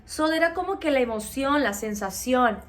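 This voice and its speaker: High-voiced Mexican woman telling a story. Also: moderate pace. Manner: animated, chatty, checks in with viewers. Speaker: vlogger. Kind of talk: casual storytime.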